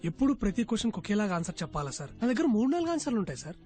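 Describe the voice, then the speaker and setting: A man's voice: high voice, sing-song, very fast, a little mellow. An actor playing a talkative, glib young man pleading for a job in a film scene. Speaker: job candidate. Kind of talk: Telugu film dialogue. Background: film score music.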